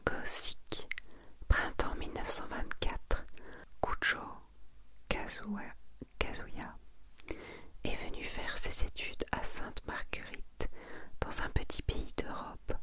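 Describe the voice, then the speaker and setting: Her voice barely above a whisper, a woman presents manga in an unhurried ASMR style. She reads aloud from the collection and adds quiet comments.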